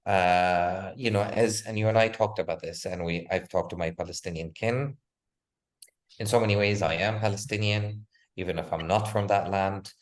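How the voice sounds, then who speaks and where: A man with a fairly low voice speaks as a guest in a long interview. His talk is emphatic and rhetorical, full of repeated phrases and pointed questions. He keeps pressing his case with conviction. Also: steady tone, normal speed. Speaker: guest author.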